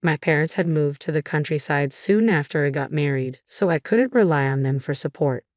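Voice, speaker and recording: A woman reading a first-person family drama story in an even, measured way. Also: low voice, no room sound, clean studio sound. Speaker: narrator.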